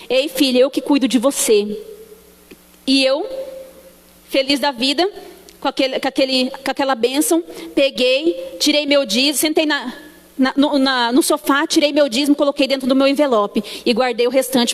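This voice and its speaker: Brazilian woman, high voice, church testimony, acts out the dialogue, long hall reverb. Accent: Brazilian Portuguese. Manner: emotional storytelling that acts out dialogue. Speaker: church member giving testimony. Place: church sanctuary.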